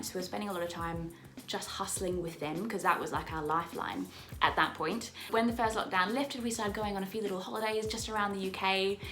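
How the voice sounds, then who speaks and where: This musical theatre performer and vlogger talks in a mid-range, fairly bright voice, giving a casual vlog to camera from her apartment. She's young and Australian, though her accent is picking up some English, and she's bubbly, laughing often and doubling up words for emphasis.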